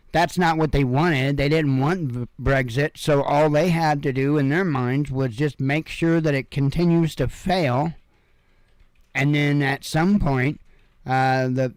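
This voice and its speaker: Reading news headlines at home, this Illinois-born commentary host keeps things casual, wandering into offhand asides full of fillers. He speaks a little slowly in a higher voice with fairly even intonation, and there's no room sound.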